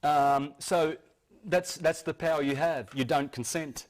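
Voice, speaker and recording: Addressing a live crowd informally and earnestly, this speaker has a slightly high voice and an unhurried pace. His explanations are full of stumbles, restarts and repeated words.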